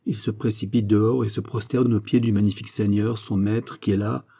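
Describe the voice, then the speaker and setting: Man with a dark, husky narrating voice. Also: lowish voice. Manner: measured, expressive literary narration. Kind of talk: storybook reading.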